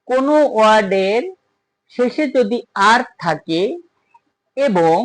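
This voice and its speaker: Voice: mid-range voice, rough recording. A teacher patiently explaining pronunciation rules, talking straight to viewers and repeating each point. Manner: repetitive, patient, addresses viewers directly. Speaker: English teacher.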